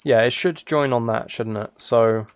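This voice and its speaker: A British man from the United Kingdom streams a video game, chatting casually in a rambling, self-deprecating, apologetic way. His voice is medium-pitched, clear, and resonant at a normal speed, with no echo.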